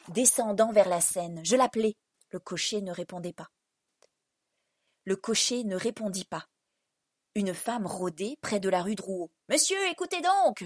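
A woman narrating literary prose as an audiobook, in an expressive, dramatic storytelling manner. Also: mid-range voice, no room sound, studio quality.

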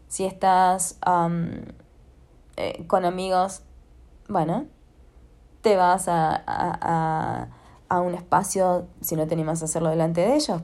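A woman talks the listener through an affirmation exercise in an unhurried, calm coaching voice. Her voice sits fairly low for a woman, and she speaks straight to the listener. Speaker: podcast host.

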